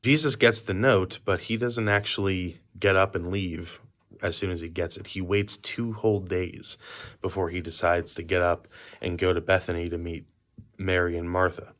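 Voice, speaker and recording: A man leading a youth group with an informal devotional talk, speaking from memory in a conversational way, recorded on a phone in a quiet workplace. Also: low voice, fairly even intonation, normal speed.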